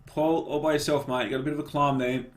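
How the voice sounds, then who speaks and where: A man giving relaxed, casual live commentary on a cycling race and cheering riders on by name. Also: a little high, quick pace, slight background noise.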